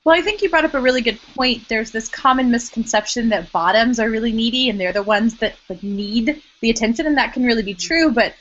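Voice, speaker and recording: A woman's voice: a little high, fairly quick, hardly any pauses, a bit bright. A woman hosting an interview, chatting thoughtfully with a light laugh now and then. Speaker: host. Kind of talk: conversational interview. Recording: dry, dull lo-fi audio.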